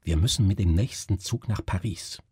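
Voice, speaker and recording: A man's voice: low-pitched, normal speed, slightly rough, no echo, studio quality. A man voicing a doctor passing on a secret in an urgent whisper. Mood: urgent hushed. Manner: whispered, hushed.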